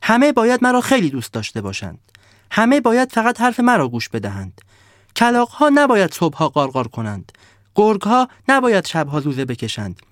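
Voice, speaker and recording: A man's voice: high-pitched, huge pitch swings, no echo, studio quality, pitched above the performer's own voice. A man voicing a bossy, greedy snowman who barks rude orders at villagers in a storybook tale. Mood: decreeing. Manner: barking orders, rude and demanding.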